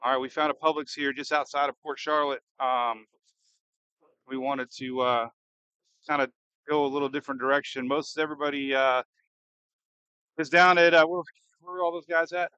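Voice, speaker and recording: A man giving casual, excitable live storm-chasing commentary, thinking aloud and firing off questions as he drives. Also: on the high side, moderate pace, long pauses, smooth, no echo, muffled recording. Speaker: storm chaser and livestream host. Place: inside a moving car in a storm.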